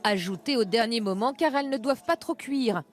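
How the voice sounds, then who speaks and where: A woman's voice: on the high side, brisk. A woman reporter reading scripted narration for a television news report.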